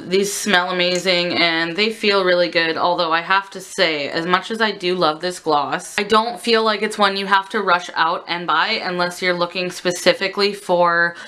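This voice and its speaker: Congested, croaky woman vlogger, bright-edged voice. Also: fairly low pitch. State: sick, congested swamp-monster croak. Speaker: beauty vlogger. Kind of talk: casual chatty product declutter. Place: indoors at a makeup desk.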